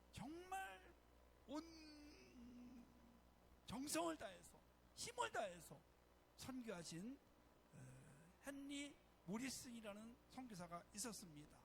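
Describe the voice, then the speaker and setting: A man's voice: high-pitched, creaky, fairly bright tone, a little hiss or hum. A man preaching a sermon as pastor of a church, emphatic and often calling out to his congregation. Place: church sanctuary.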